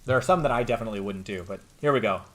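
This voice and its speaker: A man chatting excitedly to viewers as he plays a video game, his throat getting tired. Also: fairly low pitch, racing, slight background noise. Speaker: streamer playing a video game. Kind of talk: let's play commentary.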